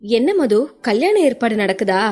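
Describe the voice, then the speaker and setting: A woman voicing a quick, firm young woman who scolds and coaxes a friend, in an audio story. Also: fairly high pitch, sing-song, dark tone. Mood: worried. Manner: brisk, scolding, then coaxing.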